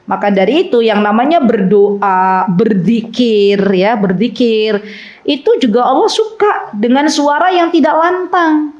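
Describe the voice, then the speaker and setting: A woman giving a casual, chatty Islamic lecture to a women's study circle, acting out soft and firm voices. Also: a little high, a little slow, muffled recording. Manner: lively, chatty, laughs with audience, acts out soft and firm voices.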